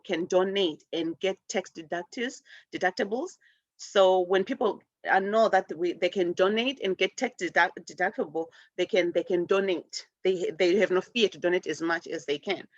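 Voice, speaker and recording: A woman leading a spiritual group call, speaking earnestly and haltingly with repeated words. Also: lowish voice, dry recording. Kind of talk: encouraging group talk. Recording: dull lo-fi call audio.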